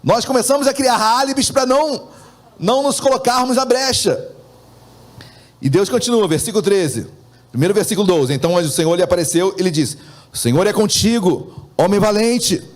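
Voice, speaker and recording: A man's voice: high-pitched, expressive, fairly quick. A man preaching a sermon as pastor, often turning to the congregation with asides and acting out quoted dialogue by shifting his intonation.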